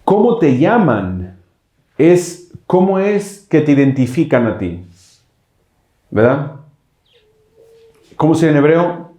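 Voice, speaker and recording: Mellow-voiced man teaching in an echoey room. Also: on the high side, lively intonation, slow, long pauses. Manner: explanatory, checks understanding with frequent rhetorical questions. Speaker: congregation teacher. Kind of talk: bilingual Bible teaching.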